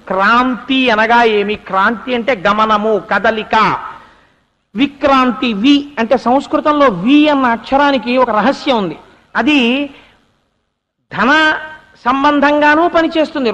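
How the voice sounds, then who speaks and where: A man's voice: very high voice, a bit bright, big-room sound, rough recording. A man giving a spiritual discourse, telling a story animatedly and acting out its dialogue with explanatory asides. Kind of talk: Telugu religious discourse, storytelling.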